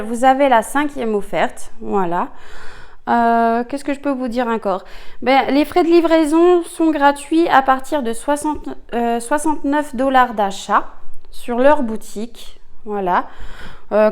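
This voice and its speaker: A woman talks her viewers through a cross-stitch kit at an unhurried pace, her voice sitting a little high. She hesitates often, fills gaps and gushes warmly over the colours. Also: clear, resonant tone. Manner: chatty, hesitant with many fillers, gushing over colours. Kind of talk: casual product unboxing chat.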